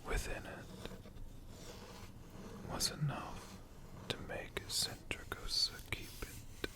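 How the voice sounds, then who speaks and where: A storyteller of unclear sex tells ASMR tales in a hushed, drawn-out way, pausing at length and repeating words.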